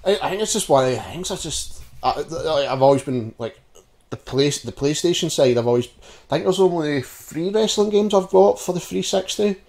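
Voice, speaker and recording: A man's voice: on the high side, animated, normal speed, a little mellow. A man with a Glaswegian accent co-hosting a podcast in casual, blunt, sweary chat, often hesitating as he goes. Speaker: podcast co-host. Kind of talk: casual sweary chat about wrestling and gaming.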